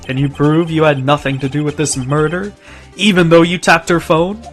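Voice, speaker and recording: A man's voice: on the high side, steady tone, moderate pace, soft background music, lightly acted. A man playing an earnest young defense lawyer. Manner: earnest, stammering.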